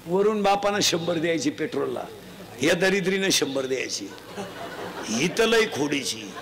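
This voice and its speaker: A man giving a humorous moral sermon to a festival crowd, teasing and quizzing the children loudly. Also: a little high, expressive, moderate pace, gravelly. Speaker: folk preacher addressing a crowd. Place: outdoor festival gathering. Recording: noisy live crowd recording.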